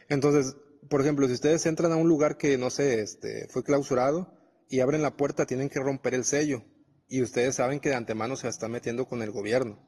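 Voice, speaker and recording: Man, preacher, mid pitch, conversational Bible study, long reverb. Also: a little mellow, breathy edge. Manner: reads scripture and explains it conversationally.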